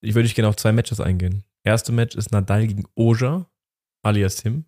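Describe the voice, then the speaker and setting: A man's voice: lowish voice, steady tone, normal speed, dark tone. A man co-hosting a casual podcast chat, emphatic and repeating his points. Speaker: podcast co-host.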